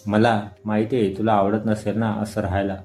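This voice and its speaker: A man reading the lines of a kind, lonely older woman teacher in an audio story, calmly and gently. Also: lowish voice, moderate pace, soft background music, close to an everyday voice. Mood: gentle.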